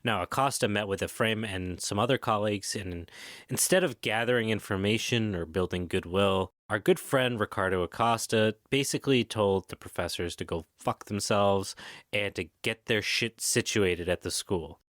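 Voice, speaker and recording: Low-voiced male podcast host, casual and jokey, dry close sound. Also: moderate pace, a bit bright, no room sound. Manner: jokey, swearing, tangents. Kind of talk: casual history chat.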